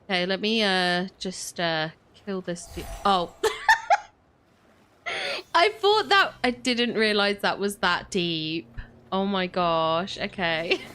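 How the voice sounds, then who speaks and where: A woman's voice: medium pitch, animated, takes it slowly, bright, forceful tone, clean tone. A woman giving casual playthrough commentary as a gamer, giggly and emotional in her talk.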